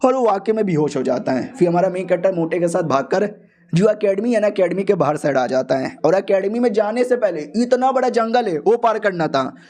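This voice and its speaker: A man recapping a manga chapter in casual, slangy storytelling and cracking jokes as he goes. His voice is fairly high and warm, with a mellow tone. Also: expressive, fairly quick. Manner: slangy, joking.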